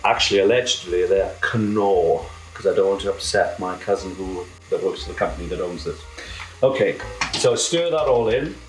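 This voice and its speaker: Camp British man, low echoey voice. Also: normal speed, soft background music. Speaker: home cook presenting own recipe show. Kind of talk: casual cooking demonstration. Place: indoor kitchen.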